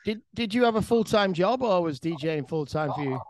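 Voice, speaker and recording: A man's voice: high-pitched, animated, a little fast. A man asking casual interview questions, often stumbling into the start of them.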